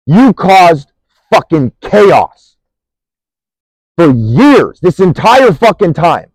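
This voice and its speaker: A man's voice: high voice, no echo, low-quality recording. A man delivering an angry, profane monologue, accusing and rambling, restarting sentences as he goes.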